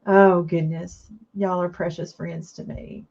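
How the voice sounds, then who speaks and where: A woman's voice: fairly low pitch, level tone, a little slow, vocal fry, highs cut off. Teary woman chatting on a craft livestream. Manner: warm, emotional, reads viewer comments aloud and answers them. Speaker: craft live-stream host. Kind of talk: casual live-stream chat with viewers.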